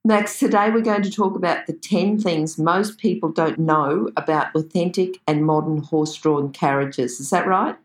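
A woman's voice: sits low, moderate pace, hardly any pauses, reverberant. A woman hosting an interview podcast, introducing the programme and speaking to listeners and her guest. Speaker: podcast host.

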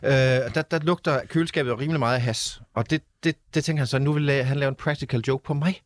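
A man's voice: on the high side, fairly even intonation, no echo, clean studio sound. A man telling a rambling story in casual chat, stumbling over his words with lots of fillers. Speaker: radio host telling a story.

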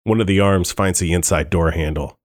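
Narrating a first-person thriller audiobook, a man with a fairly low voice reads at a fairly quick pace. His delivery is tense and dryly wry, like an anxious inner monologue.

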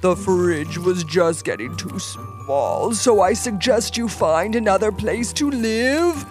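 Creepy green jello blob guy, woman putting it on, slow low mutter, storybook villain. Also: animated, a little mellow, soft background music. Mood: eerie menacing. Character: eerie menacing male green Jell-O blob. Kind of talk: children's storybook reading.

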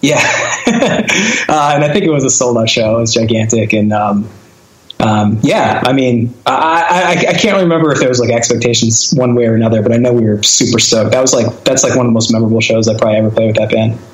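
A man's voice: medium pitch, a little fast. A man in his thirties chats loosely on a podcast, drifting through memories with fillers and casual swearing. His mid-range voice carries a noticeable room echo. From born in Boston, raised in Connecticut and Wisconsin. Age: 30s. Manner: laid-back, rambling, profane, lots of "like" and "um". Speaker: interview guest, filmmaker and former hardcore musician. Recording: roomy echo.

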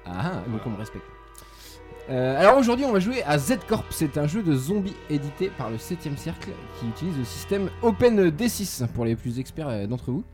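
Male game master, animated narration, light music under. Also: a little high, normal speed. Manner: lively, hesitant with fillers. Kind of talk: tabletop game narration and chat. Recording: faint music behind.

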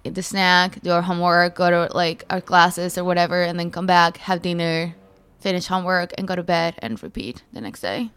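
Young woman from Mexico, podcast guest, smooth clear voice, loose and chatty. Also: lowish voice, normal speed, hardly any pauses, fairly bright tone. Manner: chatty, filler-heavy, laughs easily. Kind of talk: casual interview chat.

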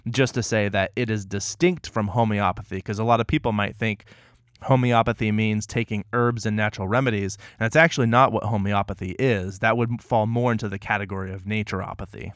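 A man co-hosting a podcast, explaining a topic in a measured, slightly wry casual chat. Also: fairly low pitch, steady tone, a bit bright, no room sound, clean studio sound. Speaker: podcast co-host.

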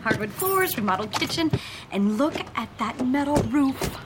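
A bubbly real estate agent. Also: female voice, lively intonation, normal speed, very noisy. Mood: upbeat. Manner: upbeat sales pitch. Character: cheery female real estate agent showing a house. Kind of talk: radio ad acting.

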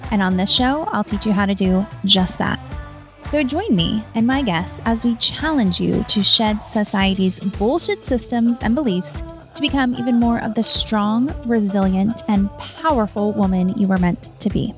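With soft background music, a podcast host in her 30s who is a leadership coach speaks at a moderate pace in a medium-pitched voice. The solo monologue is candid and conversational, delivered into a studio mic.

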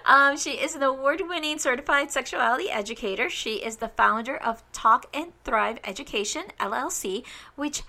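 Bright, upbeat woman hosting a podcast. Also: sits high, normal speed. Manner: upbeat, giggly, chatty. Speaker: podcast host. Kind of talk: casual interview chat.

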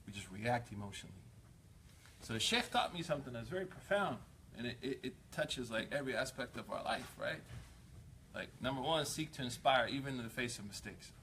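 Laid-back guy giving a sermon like he's telling a story to friends, lots of slang, gets loud and animated. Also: a little hiss or hum. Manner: slangy and conversational, peppered with "man" and "like"; animated, jumps up in pitch and volume for emphasis. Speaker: Islamic preacher.

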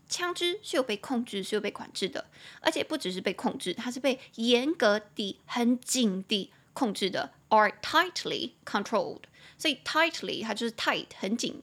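A woman's voice: fairly high pitch, fairly bright tone. Playful chatty woman teaching English. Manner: playful and chatty, spells words out slowly. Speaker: English teacher and podcast host. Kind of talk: casual podcast English lesson.

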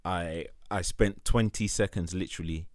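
A man's voice: sits low, normal speed, no room sound, studio quality. A young man with an urban London roadman accent, co-hosting a podcast with casual, slangy, sweary banter. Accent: London, urban roadman slang style. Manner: slangy, sweary, animated reactions. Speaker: podcast co-host.

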